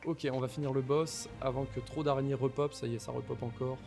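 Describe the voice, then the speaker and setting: A man's voice: medium pitch, fairly even intonation, brisk, gravelly, over music. A man giving casual commentary on his Minecraft playthrough, talking to the mobs and to viewers, repeating nervous exclamations in tense moments. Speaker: gaming YouTuber.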